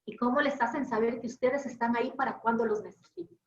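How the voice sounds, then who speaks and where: A quick, animated woman leads an online training class, tossing questions to her listeners. Her voice sits fairly high. The audio comes through a video call, roomy and a bit muffled, with faint noise behind it. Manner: fast-talking, lively, rhetorical questions.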